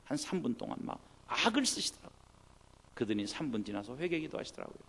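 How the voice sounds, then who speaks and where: A middle-aged male pastor with a gravelly voice delivers a sermon at a middle pitch. He tells a personal story from his childhood with lively storytelling. He acts out his mother's pleading prayers along the way. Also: quick pace.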